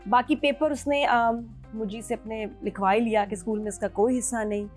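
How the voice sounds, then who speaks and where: Playful woman panelist, high-ish, music and faint crowd behind. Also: steady tone, normal speed. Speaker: drama review panelist. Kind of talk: casual panel chat.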